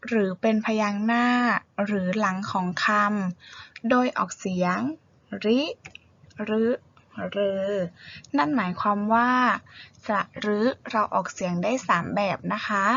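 Female teacher, slow and deliberate, slight vocal fry, dull lo-fi sound. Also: mid-range voice, a bit bright. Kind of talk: classroom lesson on reading aloud. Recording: dull lo-fi recording.

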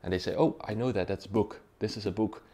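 Speaking Dutch, this young language-learning YouTuber addresses the camera in a cramped, dimly lit room, his voice mellow, soft and on the lower side. He moves briskly but stays casual and conversational. Little prompts like "right?" and "okay?" keep the viewer involved.

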